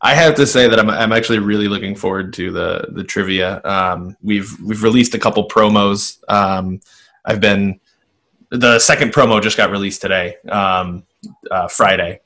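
A man's voice: fairly low pitch, sharp tone. A man in his late twenties co-hosting a podcast, rambling casually and joking at his own expense. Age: 20s. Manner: rambling, self-mocking, quick to laugh. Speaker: podcast co-host. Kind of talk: casual chat.

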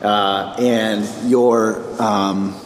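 A man's voice: lowish voice, flat delivery, drawn-out words, crowd noise. A man hosting a podcast in casual interview style, recorded in a large showroom with a hallway echo. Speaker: podcast host. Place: large echoey furniture showroom.

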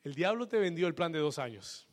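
A male pastor delivering a sermon, switching between Spanish and English phrase by phrase and building to loud exhortations. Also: a little high, sing-song, a little fast. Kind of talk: bilingual sermon.

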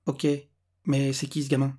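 Tired curt lady cop, man reading her, husky and flat. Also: medium pitch, moderate pace, lightly acted. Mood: questioning. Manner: dry, matter-of-fact. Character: weary, curt female police officer.

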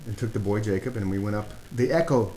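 A man's voice: fairly low pitch, fast talker, warm tone. A middle-aged man hosting a casual podcast, rambling with many fillers and restarts. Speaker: podcast host. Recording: echoey room, faint background noise.

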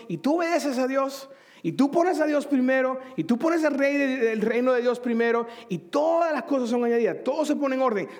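A middle-aged man from Cuba preaching a sermon in a conversational way, asking the congregation questions and joking with them. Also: extremely high pitch. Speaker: pastor.

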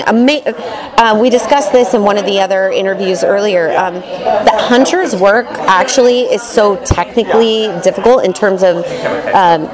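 A stage actor from Montana answering interview questions, with a hesitant manner and many fillers. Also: female voice, medium pitch. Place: theater lobby. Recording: crowd chatter behind.

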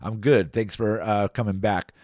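A man with a fairly low voice hosts a community radio interview. He talks in a relaxed, conversational way, pausing on fillers. The sound is dry and close. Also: dry recording. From Antioch area, Contra Costa County. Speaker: radio show host.

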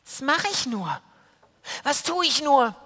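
A man's voice: very high-pitched, sing-song, slow, pushed and bright, in a large hall, voice pushed up, heavily acted. A man voicing a lonely, timid sick woman who frets and stammers anxiously in a children's story.

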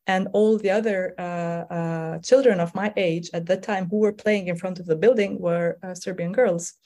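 A playwright from Kosovo, a woman in her forties whose first language is Albanian, speaks English as a guest in a conversational interview. Her fairly low, mellow voice keeps a steady tone as she talks unhurriedly and hesitantly, with many fillers and restarts.

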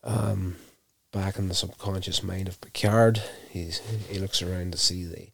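A man casually recapping a TV episode, telling it in an unhurried, self-correcting way. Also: low-pitched, steady tone, creaky, slightly rough.

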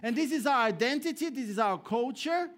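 Man, pastor, sermon, very high pitch, rises and drops to hushed lines. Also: lively intonation, a little fast. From Brazil. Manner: preaching with swings between raised emphatic lines and low hushed ones. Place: church hall before a congregation.

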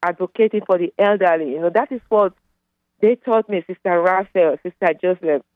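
Calling a radio program over a tinny, dry phone line, this middle-aged woman from Nigeria speaks with a Nigerian accent and a lowish, brisk voice with no echo. It's a casual call, and she wanders from point to point, filling gaps with lots of fillers.

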